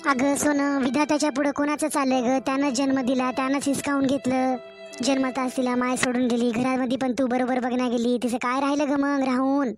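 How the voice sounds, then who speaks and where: A woman acts out a caring older grandmother in an animated storybook. She speaks with a Marathwada Marathi accent in a slow, heartfelt, gently reproachful way. Her voice is high, with soft music playing faintly behind her. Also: lightly acted. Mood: pleading. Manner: tender, pleading, slow and heartfelt.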